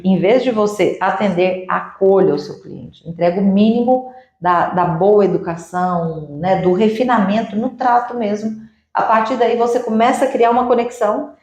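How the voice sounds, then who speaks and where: Woman, sales mentor, teacherly and energetic, middle pitch, echoey room. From Uberlândia, Minas Gerais, Brazil. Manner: energetic, teacherly, acts out sample dialogues. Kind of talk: didactic interview answers.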